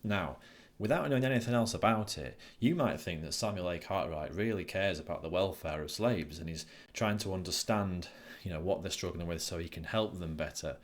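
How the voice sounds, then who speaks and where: A therapist giving an informal recorded lecture, talking bluntly and conversationally with frequent ums. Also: male voice, deep voice, a little fast. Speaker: person-centred therapist.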